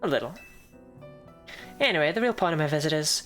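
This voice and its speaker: A woman livestreaming a game, chatting casually and reading dialogue aloud, with a playful, self-deprecating, deadpan joking manner. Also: sits low, very fast, faint music behind.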